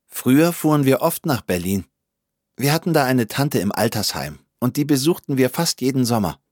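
Male narrator, calm wry storyteller, dry close-miked read, mid-range voice. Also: medium pitch, moderate pace, no room sound. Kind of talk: scripted first-person story reading.

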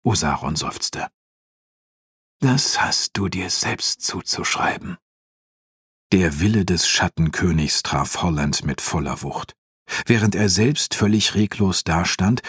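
A man reading a fantasy audiobook in a calm, even storytelling voice, close to the mic. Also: low-pitched, husky, no room sound. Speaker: audiobook narrator. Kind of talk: scripted fantasy audiobook narration.

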